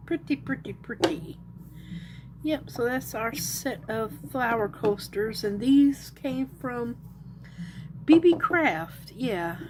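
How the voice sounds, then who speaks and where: A woman's voice: on the high side, animated, takes it slowly, over music. A woman hosting a casual crafting vlog, chatting and thinking aloud as she shows her work. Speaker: resin crafter and channel host. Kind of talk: casual show-and-tell vlog.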